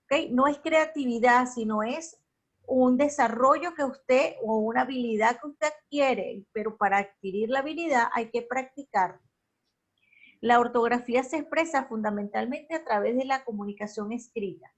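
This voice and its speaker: A woman teacher with a voice on the high side lectures an online class about spelling and accent marks. She often checks in with a quick question and corrects herself mid-sentence.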